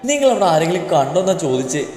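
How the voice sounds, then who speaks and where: A man voicing a feisty, sharp-tongued young bride in a storybook reading, answering back with defiant, mocking retorts. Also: on the high side, sing-song, very fast. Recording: echoey room with long reverb, faint music.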